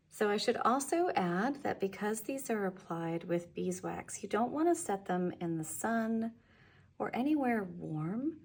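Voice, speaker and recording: Enthusiastic woman with a warm, breathy voice. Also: mid-range voice. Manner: enthusiastic, drops to whispers now and then. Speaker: shop owner. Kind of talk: product showcase tour. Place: crystal and mineral shop, indoors.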